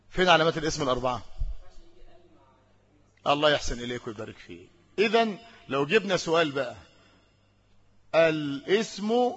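A man with an Egyptian Arabic accent teaching an Arabic grammar lesson, quizzing his students and stretching out key words slowly for emphasis. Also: a little high, fairly bright tone, husky, highs cut off. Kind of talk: classroom lesson with questions to students.

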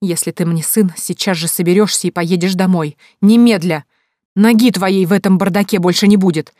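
A woman's voice: fairly low pitch, moderate pace, warm tone, no echo, clean studio sound. A woman reading an audiobook, voicing a stern, domineering middle-aged mother who scolds her grown son in an imperious way. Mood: hysterical.

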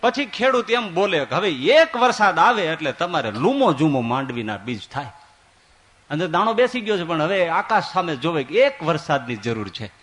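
A man giving a sermon as a swami, telling stories with voiced quotes and swinging from loud to soft. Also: fairly high pitch, very animated, moderate pace. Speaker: swami preacher.

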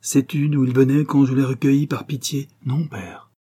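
A man voicing a stern, angry older father who shouts in outrage, with a hoarse low edge. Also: little pitch movement, normal speed, natural voice. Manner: loud, harsh, outraged.

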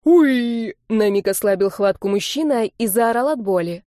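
A woman reading an audiobook in the first person with a mellow, warm voice. Her telling is lively and expressive, recorded close with a dry sound. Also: mid-range voice, normal speed, no room sound. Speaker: audiobook narrator. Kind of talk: first-person scripted narration.

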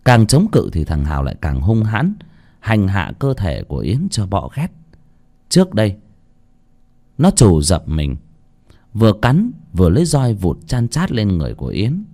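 Low, mellow male horror storyteller. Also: moderate pace, creaky. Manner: dramatic, expressive storytelling. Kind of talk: dramatic horror story narration.

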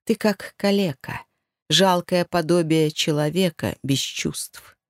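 A woman's voice: fairly low pitch, slow, no room sound, clean studio sound. A woman voicing a cold, domineering male master who taunts and demands in an audiobook. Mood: demanding.

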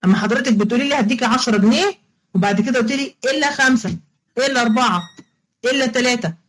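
A woman with a slightly bright voice on the high side talks rapid-fire in a rough recording. She is a religious studies teacher with an Egyptian Arabic accent, leading an online lesson playfully and coaxingly while repeating each step and testing her students.

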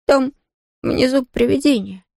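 A woman voicing a frightened young boy who pleads and shouts in panic, in a storybook reading. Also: high voice, measured pace, gravelly, dry recording, studio quality, pitched above the performer's own voice. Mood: scared. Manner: trembling, pleading, bursts into frantic shouts. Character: frightened young boy, jumpy and easily flustered.

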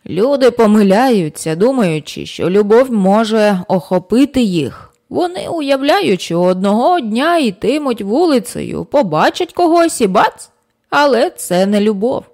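A calm, wise old man explaining things patiently, read by a woman narrator. He speaks slowly and gently, with a lively, rising and falling voice. It plays as a storybook audiobook. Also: fairly high pitch. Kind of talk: audiobook character reading.

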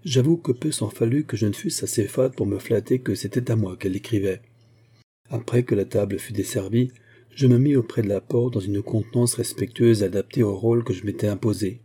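Male audiobook narrator, very dark timbre, measured elegant read. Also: fairly low pitch, breathy edge. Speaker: audiobook reader. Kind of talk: scripted literary narration.

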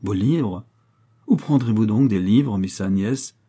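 A man reading aloud voices a vain, pompous middle-aged widow who scolds her niece haughtily, with sudden rises in pitch. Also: slow, mellow. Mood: haughty.

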